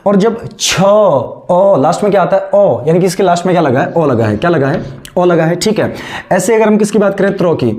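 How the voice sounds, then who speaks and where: A teacher giving an online grammar lesson who keeps asking the class questions, answers them itself, and slowly repeats sentences so students can copy them down. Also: medium pitch, expressive, dark tone. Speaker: Hindi teacher.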